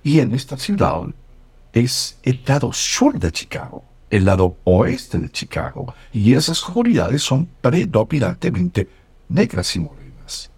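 A man voicing an interview guest in translation, explaining in an earnest, lively way. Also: medium pitch, unhurried, breathy edge, dry recording. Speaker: interview guest, Spanish voice-over.

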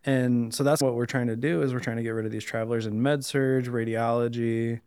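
A man with a Midwestern American accent talks as a podcast guest, easygoing and a bit rambling. His voice is smooth and clear. The sound is dry and close, with no room echo. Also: medium pitch, a little fast. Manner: relaxed, rambling, uses lots of "like". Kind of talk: casual interview chat.

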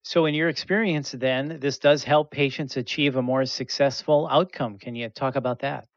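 A man's voice: mid-range voice, steady tone, normal speed, no room sound, highs cut off. A man hosting a podcast interview, upbeat and summing up his guest's answers. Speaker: podcast host.

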